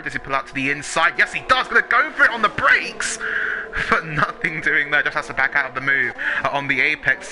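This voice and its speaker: A man working as a motorsport commentator, calling a sim race live, play-by-play. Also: mid-range voice. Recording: clearly noisy, engine sound behind the voice. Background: racing car engines from the game.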